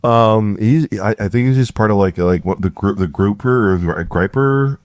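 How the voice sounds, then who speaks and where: A man's voice: fairly low pitch, normal speed. A man co-hosting a reaction show, laid-back, chiming in with short agreements and remarks. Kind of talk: casual commentary.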